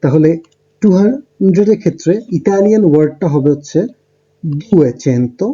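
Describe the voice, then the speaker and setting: Mellow-voiced man teaching step by step. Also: high voice, fast, highs cut off. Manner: explains step by step with fillers. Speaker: language teacher. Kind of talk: lesson narration over slides.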